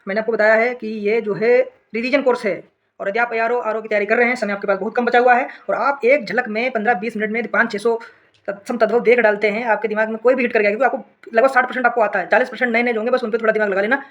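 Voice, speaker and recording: A man's voice: very high-pitched, a bit bright. Man rattling off word lists, lo-fi. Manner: rattles off word lists, often says "okay, friends". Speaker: exam prep teacher. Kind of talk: rapid revision lesson, reading word pairs.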